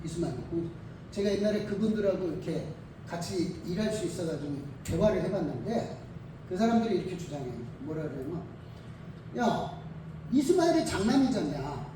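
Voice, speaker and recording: A preacher telling a Bible story in a lively, conversational sermon style, speaking in a church. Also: medium pitch, a little fast, heavy reverb, far from the mic, background noise.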